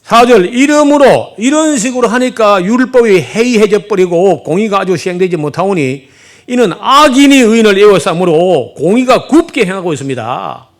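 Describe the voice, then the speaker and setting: A man's voice: sits high, expressive, moderate pace. A middle-aged man preaching a sermon, animatedly acting out the prophet's complaints with rhetorical questions. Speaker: pastor. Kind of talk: expository sermon.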